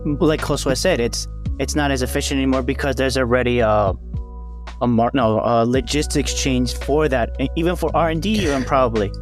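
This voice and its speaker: A man's voice: medium pitch, brisk, faint music behind. A man chatting on a podcast, telling anecdotes with some restarts. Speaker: podcast co-host. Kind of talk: casual podcast chat.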